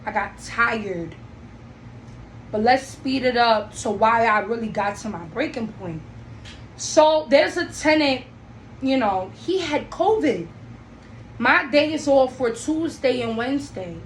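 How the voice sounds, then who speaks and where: Blunt, animated woman podcaster. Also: a little high, slow. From Trinidad. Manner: animated, blunt, swears freely. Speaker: podcast host. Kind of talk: casual solo podcast storytelling. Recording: echoey room, faint background noise.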